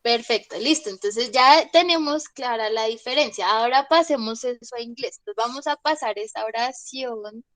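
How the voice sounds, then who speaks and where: A woman's voice: fairly high pitch, normal speed, few pauses, fairly bright tone, no room sound. A woman teaching English online, explaining patiently, asking her students questions and repeating examples. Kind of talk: online class explanation in Spanish.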